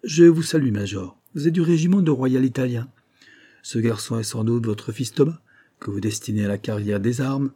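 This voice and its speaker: A man's voice: medium pitch, moderate pace, mellow, breathy edge, lightly acted. A man reading an audiobook, voicing a playful, commanding young prince who teases a courtier. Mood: teasing. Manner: teasing, commanding.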